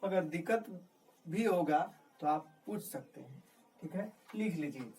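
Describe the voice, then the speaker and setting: A man's voice: fairly high pitch, expressive, measured pace, darkish tone, soft background music. A man teaching a grammar lesson, repeating key words and asking questions that he answers himself. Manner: repetitive, asks questions and answers them himself. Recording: distant mic with faint background noise.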